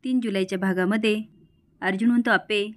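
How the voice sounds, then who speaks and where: A woman hosting a TV serial recap, telling the episode in brisk storytelling style and reading out the dialogue. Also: medium pitch, steady tone.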